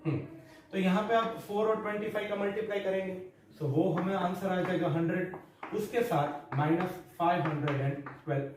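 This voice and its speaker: A man's voice: high voice, a little fast. A man teaching a maths lesson to school pupils, explaining each step patiently and mixing English into Hindi. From India. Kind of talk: recorded online maths lesson. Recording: echoey, distant room mic with faint noise.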